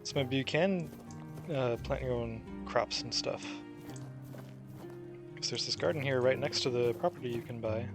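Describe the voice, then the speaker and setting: A man's voice: medium pitch, moderate pace, pauses often, music in the background. A man doing casual commentary as a video game streamer, musing to himself and reading dialogue aloud.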